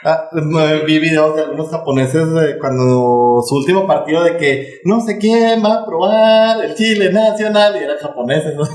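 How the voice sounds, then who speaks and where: A Mexican man co-hosting a relaxed podcast, talking in long rambling stretches full of fillers and false starts. His voice sits a little high for a man. The room around him rings with echo. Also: unhurried. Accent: Mexican Spanish. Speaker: podcast co-host. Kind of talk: casual chat.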